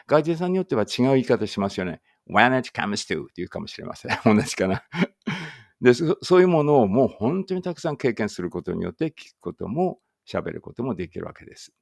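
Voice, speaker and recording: Low gravelly man leading phrase drills. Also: no echo, clean studio sound. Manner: reads each Japanese phrase, then its English version, slowly and deliberately; explains in a relaxed conversational tone. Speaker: English teacher. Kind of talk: read-aloud language drill with commentary.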